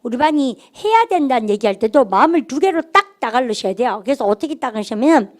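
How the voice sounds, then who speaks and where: High-pitched woman teaching grammar. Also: fast. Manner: animated, drills students to repeat aloud. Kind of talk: classroom lecture.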